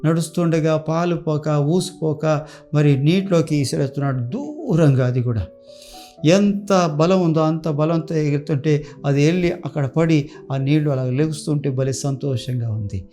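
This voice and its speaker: A man's voice: fairly high pitch, measured pace. A male pastor preaching earnestly, telling a story and leading a prayer. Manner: earnest, repetitive exhortation, storytelling. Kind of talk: sermon and prayer. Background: soft guitar music.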